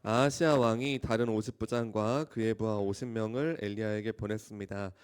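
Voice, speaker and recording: A man preaching a sermon as a youth pastor to high school students, telling stories with lively exclamations and questions to the audience. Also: normal speed, clean tone. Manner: animated storytelling, often asking the audience questions; acts out scenes with loud exclamations.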